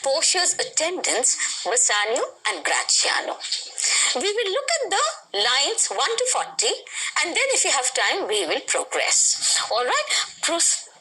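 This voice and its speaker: A woman's voice: high-pitched, wildly swooping pitch, a little slow, pushed and bright, rough recording. A middle-aged woman teaching a literature lesson live on television, explaining patiently and reading quoted lines with expression.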